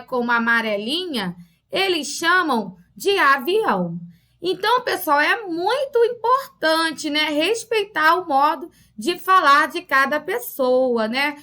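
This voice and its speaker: A woman teacher with a Rio de Janeiro accent gives a recorded lesson for children. Her voice sits high and comes across clear and bright. She explains patiently, often ending sentences with short questions to check the class is following. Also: expressive, takes it slowly. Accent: Rio de Janeiro Portuguese. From Rio de Janeiro, Brazil.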